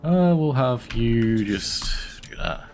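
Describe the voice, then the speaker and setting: This young London-accented man from the UK is stuffy with a cold as he chats casually during a live game stream. His medium-pitched voice is animated, slow, and darkish in tone, with slight background noise, and he laughs often while thinking aloud in his chatty commentary.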